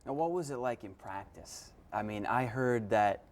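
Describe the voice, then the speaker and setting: A man's voice: medium pitch, normal speed. A man who is a local sports director, hosting a feature and asking friendly, upbeat questions.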